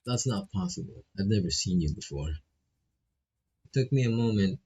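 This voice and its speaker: Through a dull, lo-fi mic, a streamer playing a visual novel reads the game's text aloud in a low, warm, slightly rough voice that is expressive and a little slow. English isn't his first language, and he stumbles over and repeats phrases, adding casual asides.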